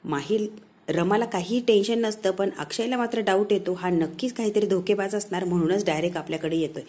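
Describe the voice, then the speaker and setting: A woman tells the story of a TV serial episode scene by scene in a mellow, darkish voice. She moves through the plot in steady storytelling and quotes each character in turn. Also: mid-range voice, fairly quick. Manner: storytelling, animated quoting of characters. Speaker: TV serial recap narrator.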